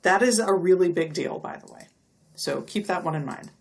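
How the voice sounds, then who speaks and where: A middle-aged woman giving a recorded lecture, explaining step by step and stretching out speech sounds slowly to demonstrate them. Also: on the low side. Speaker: university lecturer.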